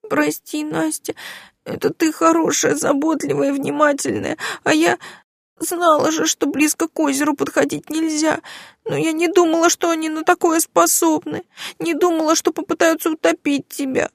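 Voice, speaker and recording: A woman voicing a timid young mermaid girl who talks through sobs, pleading and soft. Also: sits high, level tone, moderate pace, creaky, no echo, clean studio sound, pitched above the performer's own voice. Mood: tearful.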